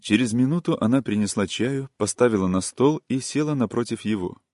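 A man narrating an audiobook of classic prose in a measured, calm storytelling manner. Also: mid-range voice, dry recording, studio quality.

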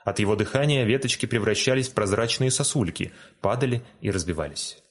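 A man reading a fairy tale aloud in a calm, gentle storytelling manner. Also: on the low side, a little fast. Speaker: narrator. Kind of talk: storybook narration.

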